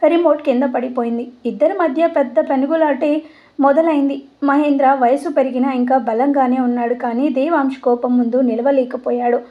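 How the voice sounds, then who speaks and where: A woman storyteller narrating an audio drama in a soft, even reading voice. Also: sits high, normal speed, muffled recording.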